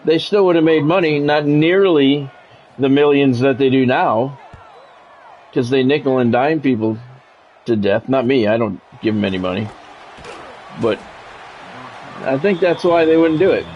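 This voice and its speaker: Streaming a game live with music in the background, a mid-range-voiced man speaks a bit slowly and pauses often, switching between relaxed opinions and sports play-by-play. The recording sounds dull and lo-fi, with slight background noise.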